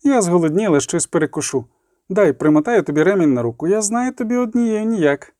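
A man reading an audiobook voices a brisk, practical young woman. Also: high voice, animated, dark tone, dry recording, clean studio sound, voice pushed up.

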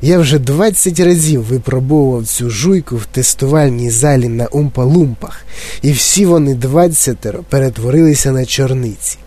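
Soft sighing candy maker guy from a storybook, man reading it, kinda rueful. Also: medium pitch, moderate pace, close to an everyday voice.

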